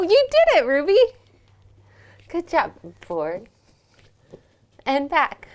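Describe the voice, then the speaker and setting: A woman reads a picture book aloud at home and guides children through yoga poses. Her pitch sits a bit high and swings lively up and down. She keeps asking gentle, encouraging questions. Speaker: yoga storytime teacher.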